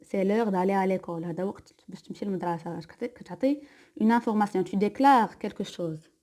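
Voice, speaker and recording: A woman's voice: mid-range voice, darkish tone. Moroccan woman teaching French grammar. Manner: repeats example sentences slowly, then explains quickly. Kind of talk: grammar lesson mixing Moroccan Arabic and French.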